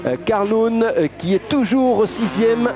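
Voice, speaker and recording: A man's voice: high voice, takes it slowly, over music. A man giving live motorsport race commentary, with hesitant phrasing and repeated positions and names. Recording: dull broadcast audio over crowd and engines.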